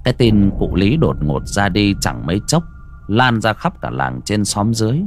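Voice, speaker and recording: A man narrating a ghost story theatrically, dropping to a hush and rising sharply. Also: lowish voice, big pitch swings, normal speed, faint music behind. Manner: theatrical, swings from hushed to loud.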